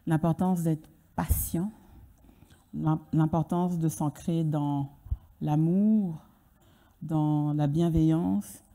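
A woman host introducing the closing speaker on stage with a handheld microphone, slow and heartfelt. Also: low voice, warm tone. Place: conference stage.

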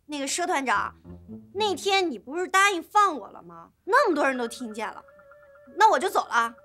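An actress playing a brash young daughter who scolds bluntly and talks back. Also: female voice, high voice, very animated, moderate pace, sharp tone, soft background music, heavily acted. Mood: scornful. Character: brash, sharp-tongued young woman, daughter.

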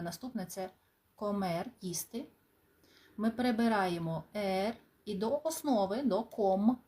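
A woman language teacher speaking at a slow, deliberate pace, stretching out each word so learners can repeat after her. Her pitch sits in a middle range, and her delivery is patient and clear, with small relaxed asides between drills. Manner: clear, drawn-out drilling with pauses, warm asides and laughs. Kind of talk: slow, patient spoken lesson.

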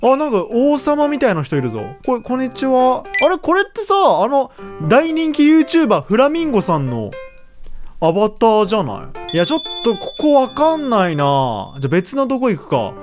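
A woman giving casual let's-play commentary, chatty and excitable, laughing often as she reacts. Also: a little high, moderate pace, soft background music. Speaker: gaming YouTuber.

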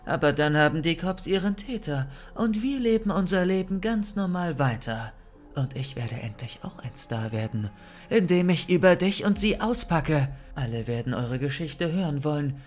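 A man's voice: a little high, lively intonation, normal speed, faint music behind, close to an everyday voice. A man voicing a scheming young woman villain in an audiobook, cold and mocking. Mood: cold gloating. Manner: mocking, gloating.

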